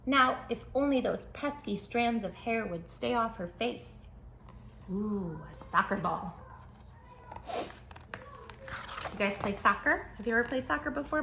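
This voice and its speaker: Music accompanies a fairly high, fairly bright female voice, recorded with a little hiss or hum. She's a children's storytime host who reads aloud with dramatic emphasis and talks straight to her young audience.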